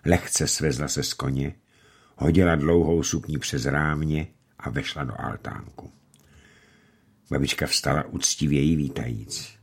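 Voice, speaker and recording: Husky low-voiced male storyteller. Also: steady tone. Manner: warm, storytelling address to children. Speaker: narrator. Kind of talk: storybook reading for children.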